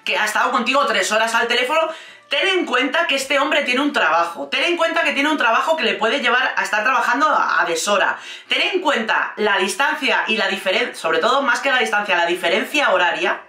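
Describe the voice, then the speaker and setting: A woman's voice: fairly high pitch, animated, fairly quick, bright, forceful tone, far from the mic. Blunt sarcastic woman from Spain. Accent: Spain Spanish. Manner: blunt, sarcastic, swears freely. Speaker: reality TV commentator. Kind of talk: casual reaction commentary. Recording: roomy sound, voice away from mic.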